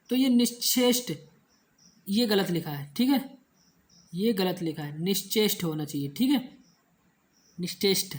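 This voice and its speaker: A teacher running an online exam-prep class, drilling the same points over and over and quizzing the listeners, counting letters and answer options aloud. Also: medium pitch.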